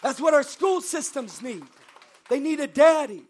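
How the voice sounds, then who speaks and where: A man preaching a booming motivational sermon, exhorting the congregation and calling on them to respond. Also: lively intonation, normal speed, a little mellow, some chatter behind.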